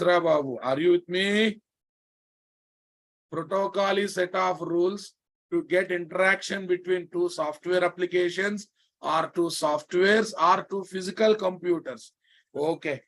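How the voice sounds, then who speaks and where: Slow, higher-pitched man with Telugu Indian accent. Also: fairly even intonation, a bit bright. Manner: emphatic repetition with frequent check questions to students. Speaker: programming instructor. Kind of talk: live online technical lesson.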